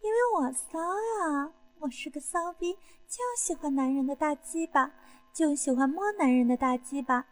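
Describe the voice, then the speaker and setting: A woman reading an erotic audio story, voicing a brazen adult lover with breathy, drawn-out teasing. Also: high voice, natural voice.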